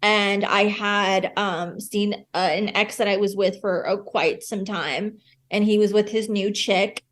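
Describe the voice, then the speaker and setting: A woman's voice: medium pitch, steady tone, a little slow, fairly bright tone. A young adult woman, a podcast guest, telling a personal story openly and with emotion, often filling with "like". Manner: open, emotional, fills with "like".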